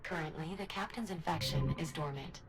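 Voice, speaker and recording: A woman playing a calm, precise facility aide in a video game, speaking in a measured, formal way. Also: deep voice, close to an everyday voice. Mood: matter-of-fact.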